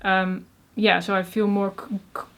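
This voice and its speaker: This young woman from the Netherlands, Dutch-accented, talks a little slowly with a flat, medium-pitched delivery as a guest in a casual interview. Her speech is soft, heavy with fillers, marked by stuttering on first sounds and frequent laughter.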